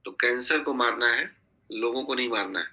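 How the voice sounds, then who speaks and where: A man's voice: medium pitch, normal speed, bright, forceful tone, dull audio. A man coaching a sales team on a video call, giving instructive advice and often checking that listeners follow. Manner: instructive, repeatedly checking in with "theek hai?".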